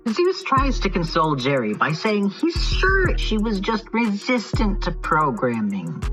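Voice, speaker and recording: A narrator reading a scripted recap of a tabletop role-playing game in an expressive storytelling manner. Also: medium pitch. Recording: muffled recording with music behind.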